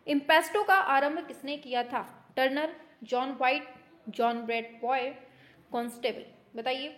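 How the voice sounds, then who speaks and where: A woman teacher running a quick quiz lesson, brisk and teasing, scolding her students in mock anger as if they were children. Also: high-pitched. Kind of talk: online exam-prep quiz lesson.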